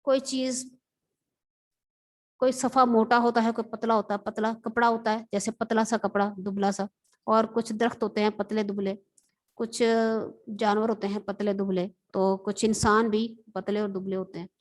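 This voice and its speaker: A woman teacher from Pakistan, giving a patient, explanatory vocabulary lesson and repeating words slowly. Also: medium pitch, flat delivery.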